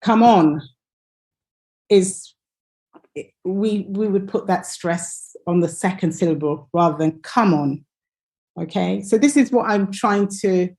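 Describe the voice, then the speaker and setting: A woman teaching pronunciation over a video call, speaking at an unhurried pace. She hesitates a lot, fills gaps with ums and restarts her phrases. Her pitch sits in a middle range. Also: a little mellow. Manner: slow, hesitant, many fillers and restarts. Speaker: English teacher. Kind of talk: online pronunciation lesson.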